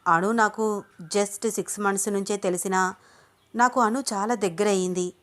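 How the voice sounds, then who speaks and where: A woman's voice: mid-range voice, steady tone, moderate pace, fairly bright tone, close to an everyday voice. A woman voicing a worried young man in love, speaking earnestly in a told story.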